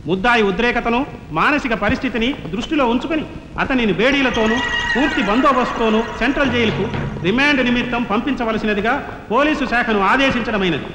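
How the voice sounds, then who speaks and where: A man's voice: extremely high pitch, fast talker. An actor playing a stern male judge who reads out formal court orders. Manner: formal, official pronouncements. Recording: reverberant courtroom with noise.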